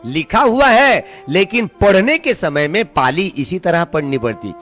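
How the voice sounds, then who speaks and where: A man's voice: high-pitched, expressive, a little slow, fairly bright tone, faint music behind. A man teaching Pali pronunciation in Hindi, carefully chanting verses and explaining how each word should be read.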